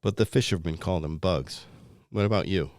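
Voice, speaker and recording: Ranting New England man, smooth voice. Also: low voice, normal speed, darkish tone, dry recording, studio quality. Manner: ranting, exasperated, wordplay. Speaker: co-host. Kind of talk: comedic scripted banter.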